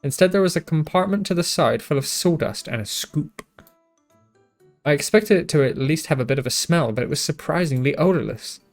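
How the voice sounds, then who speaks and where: A man's voice: fairly high pitch, animated, a little fast, soft background music. A man reading a visual novel aloud, with joking asides, swearing and stumbles over words. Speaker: gaming YouTuber.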